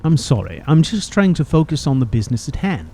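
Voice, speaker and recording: A man's voice: fairly high pitch, big pitch swings, brisk, mellow, slightly rough, heavily acted. A man playing a guarded, curmudgeonly adventurer in a game, speaking in a dry, formal and terse way. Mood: dry, aloof. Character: guarded, curmudgeonly male adventurer who craves silence. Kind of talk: video game character dialogue.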